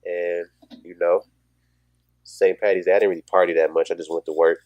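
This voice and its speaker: A man's voice: low-pitched, level tone, brisk, darkish tone, dry recording. A young man guesting on a podcast, talking in a laid-back, slangy way. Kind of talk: casual chat.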